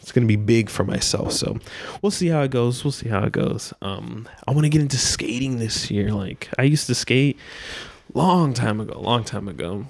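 A man's voice: medium pitch, normal speed, gravelly, no room sound. A man in his twenties hosting a casual solo podcast from a small room at home, rambling in a loose, laid-back way with lots of filler words and swearing, speaking into a handheld mic. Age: 20s. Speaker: podcast host. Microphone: handheld dynamic mic, wearing headphones.

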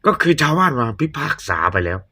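A man's voice: a little high, sing-song, fast talker, sharp tone, husky. A man hosting a movie reaction channel, chatting casually and rambling, with blunt opinions and frequent self-corrections. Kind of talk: casual chat.

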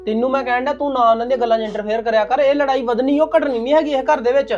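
A man acts out a stern young husband in a family drama, reproachful and quick to blame. He speaks rapidly in a high voice. The sound is dull and lo-fi with music behind. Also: fairly even intonation, darkish tone. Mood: scolding. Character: stern young husband scolding his new wife.

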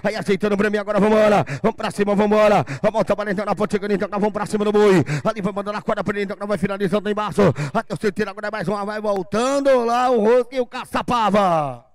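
A Brazilian man calling a roping event live as a fast sports commentator, with excited, repetitive chanting calls. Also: high voice, no echo. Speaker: rodeo roping announcer.

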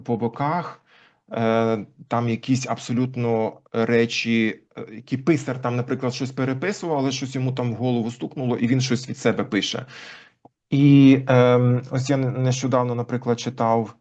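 A man as an interview guest, explaining language history thoughtfully with frequent pauses. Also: mid-range voice, fairly even intonation, darkish tone. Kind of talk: conversational interview. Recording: dull lo-fi recording.

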